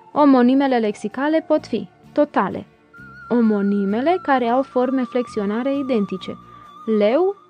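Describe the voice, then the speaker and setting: A woman's voice: high-pitched, dull audio. A woman reading a scripted grammar lesson aloud, going through word pairs one by one like a teacher. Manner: reads word pairs in a slow list.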